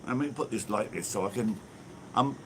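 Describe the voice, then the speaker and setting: A man's voice: fairly low pitch, moderate pace, a bit bright, slight background noise. A man from England chatting casually on a phone live stream, bubbly and reading viewer comments aloud while outdoors. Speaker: vlogger hosting a live stream. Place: outdoors with a church view behind. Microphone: phone held in front of him.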